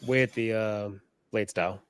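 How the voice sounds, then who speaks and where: A man's voice: on the low side, fairly even intonation, unhurried, clear, resonant tone, no room sound. A man chatting casually on a stream call, hesitant and full of fillers.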